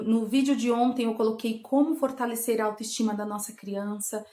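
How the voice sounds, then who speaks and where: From an echoey children's bedroom at home, a high-voiced woman shares parenting tips in a casual teaching chat. She's warm and coaxing, playing out lighthearted dialogue with a child.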